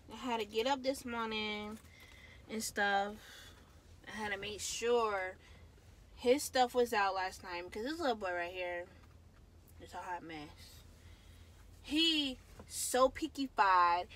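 This casual vlog chat comes from a young woman in a parked car, filming on a phone camera held near her. Her pitch is fairly high and her tone fairly bright, and she keeps drifting off with "so, yeah" into a mumble, all captured on low-quality audio.

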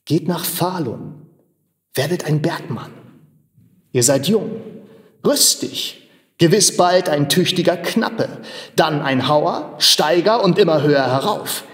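Man voicing a stern old miner, persuasive, indignant, fairly high voice, echoing workshop hall. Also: takes it slowly, a bit bright. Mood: urging. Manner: urging, grave, at times angry. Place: large machine workshop hall in a theater. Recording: long reverb of a large hall.

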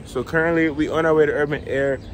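A young man talking casually to his phone camera in a selfie vlog, relaxed and slangy with lots of fillers, at an indoor trampoline park. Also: on the high side, quick pace, noisy background. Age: young adult. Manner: laid-back slangy chatter with many fillers. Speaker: vlogger. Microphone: phone camera at arm's length.

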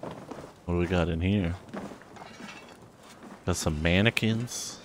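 A man's voice: low-pitched, slow pace, background noise. A man giving laid-back, rambling commentary while playing a video game. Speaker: let's play host. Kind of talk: casual gameplay commentary.

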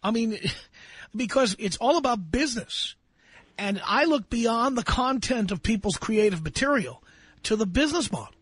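A man's voice: very high-pitched, lively intonation, normal speed, fairly bright tone, breathy edge, no room sound. A man hosting a call-in radio show, giving blunt, lecturing career advice to a caller. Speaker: radio talk show host.

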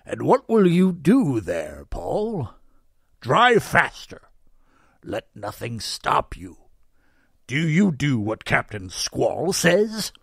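A man voicing a twisted Santa Claus spirit guide who asks slow, pressing questions. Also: medium pitch, expressive, no room sound, studio quality.

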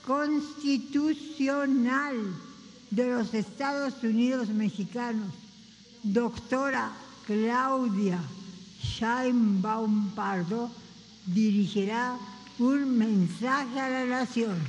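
A woman announcing the next speaker at a formal ceremony, very slow and deliberate. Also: on the high side, a little hiss or hum. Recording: long hall reverb with crowd ambience.

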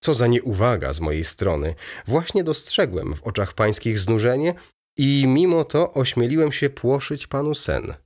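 Man reading as excitable aging baron, fussy, chattering, raised eager tone, widely varied pitch. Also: moderate pace, close to an everyday voice. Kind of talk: audiobook character reading.

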